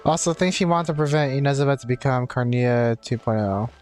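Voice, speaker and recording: A man chats casually on a game livestream, explaining himself and circling back over the same points. His mid-range voice is brisk and a little mellow, and game music plays behind him.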